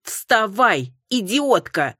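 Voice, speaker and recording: A woman voicing an imperious middle-aged mother who berates her son, in a shrill, raised voice. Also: very animated, extremely slow, pushed and bright, dry recording, studio quality, heavily acted. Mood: scolding.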